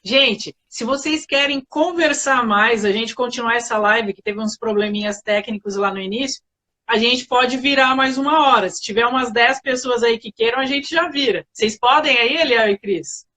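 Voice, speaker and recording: A woman with a Brazilian accent hosting a live stream on a video call, briskly rallying the viewers. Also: fairly high pitch, bright, forceful tone. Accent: Brazilian Portuguese. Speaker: host.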